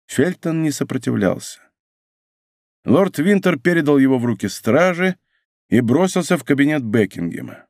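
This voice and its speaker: A man narrating an adventure novel as an audiobook in a dramatic, expressive reading style. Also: mid-range voice, normal speed, no echo, clean studio sound. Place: recording studio.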